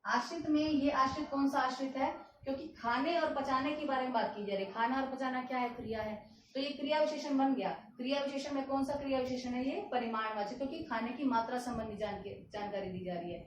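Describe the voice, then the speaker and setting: A woman's voice: high-pitched, fast, a little hiss or hum. A woman teaching a grammar lesson, explaining step by step, repeating examples and answering her own questions. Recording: echoey room, distant mic.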